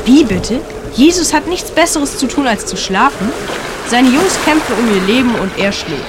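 A woman's voice: on the high side, expressive, moderate pace, loud music behind the voice, close to an everyday voice. A woman playing a cheeky, indignant listener who questions the storyteller in a children's radio play, slangy and incredulous. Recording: clear storm noise behind voice.

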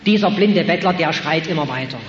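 A man preaching an evangelistic sermon, swinging between loud calls and quiet, earnest passages. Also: a little high, brisk, a little hiss or hum. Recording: echoey hall, muffled old recording.

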